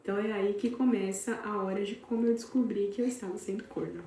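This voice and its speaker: A woman's voice: medium pitch, steady tone, quick pace, warm tone. A young adult Brazilian woman telling a gossip story in a chatty, dramatic way, speaking straight to her friends. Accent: Brazilian Portuguese. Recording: very echoey room, far from mic, faint noise.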